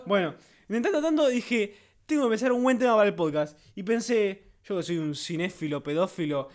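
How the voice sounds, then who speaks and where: A young man with an Argentine Spanish accent, co-hosting a podcast in casual chat and telling stories in animated, slangy bursts. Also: sits high, a little fast. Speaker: podcast co-host.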